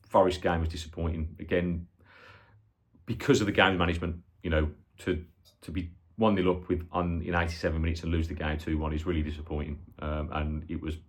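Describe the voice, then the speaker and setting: A man in his forties with a Birmingham accent, chatting casually and a little hesitantly to viewers as a football fan vlogger. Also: low-pitched. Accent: Birmingham (Brummie). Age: 40s. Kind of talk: casual chat to viewers, match preview.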